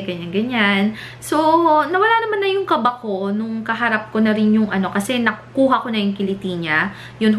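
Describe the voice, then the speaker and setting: A woman's voice: mid-range voice, fairly bright tone, echoey room, slight background noise. A young woman with a Filipino accent tells a story in a casual vlog. She mixes Tagalog and English and laughs often as she talks. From Philippines. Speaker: vlogger.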